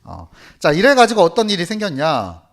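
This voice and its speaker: Animated male children's preacher. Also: high voice, normal speed. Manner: lively, quizzes the children. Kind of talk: storytelling sermon for children.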